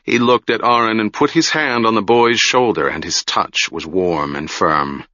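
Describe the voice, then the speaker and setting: A man narrating an audiobook in slow, deliberate storytelling. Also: on the low side, sharp tone, no echo, lo-fi sound.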